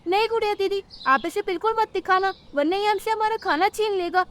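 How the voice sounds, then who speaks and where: A woman's voice: extremely high pitch, a little fast, fairly bright tone, pitched above the performer's own voice. A woman voicing a cautious, slightly whiny little boy bird in a cartoon. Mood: anxious. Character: young boy bird, cautious younger brother.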